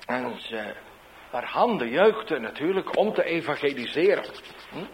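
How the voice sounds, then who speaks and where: Animated man telling a street-preaching story. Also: fairly high pitch, unhurried, a little hiss or hum, poor audio. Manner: animated storyteller, swinging between loud and hushed. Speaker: street evangelist. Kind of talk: storytelling testimony.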